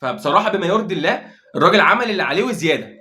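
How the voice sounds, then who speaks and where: A fan vlogger with an Egyptian Arabic accent delivers casual, excitable football commentary, repeating phrases for emphasis. He speaks at a racing pace in a high-pitched voice.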